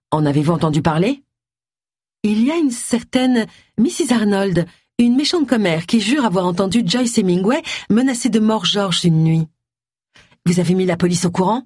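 A woman voicing an eager young male detective, earnest and flattering, with a husky voice. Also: lowish voice, no echo, studio quality.

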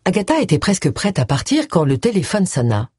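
An audiobook reader doing scripted narration with an expressive, lively delivery. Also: mid-range voice, brisk, breathy edge, no echo, studio quality.

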